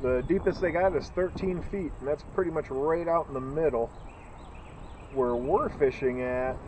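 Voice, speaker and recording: A middle-aged man with a Northeast Ohio accent talks in an excited, joking way while filming by a lakeshore. His voice sits fairly high. The sound comes from a rain-bagged camera outdoors, with clear background noise. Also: normal speed. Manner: excited, joking, loose and chatty. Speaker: fishing vlogger. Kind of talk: casual outdoor commentary. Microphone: camera on a stand, bagged against rain.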